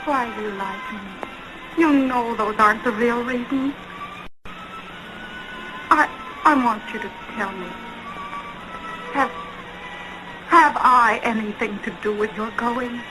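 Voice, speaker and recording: Anguished lovelorn woman, early talkie film acting, slow halting pleas, loud music on an old soundtrack. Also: fairly high pitch, poor audio. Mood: anxious pleading. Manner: halting, pleading, drawn-out delivery.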